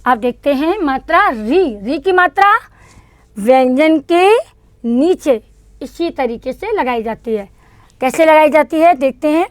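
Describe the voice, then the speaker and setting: A woman's voice: high-pitched, animated, measured pace, no echo. A woman teaching kindergarten children in an online lesson, patiently repeating each sound for them to say back. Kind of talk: online lesson teaching Hindi vowel signs.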